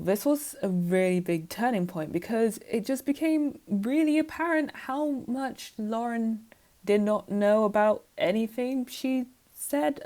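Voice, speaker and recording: A woman's voice: medium pitch, darkish tone. A woman vlogger talking casually to camera in a rambling, self-mocking way, with many fillers. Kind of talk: casual monologue.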